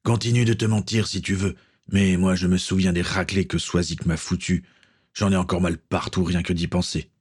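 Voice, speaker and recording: A man's voice: deep voice, little pitch movement, moderate pace, a little mellow, husky. A man reading as a stern pirate captain. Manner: firm and authoritative. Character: stern middle-aged male pirate captain, commanding uncle.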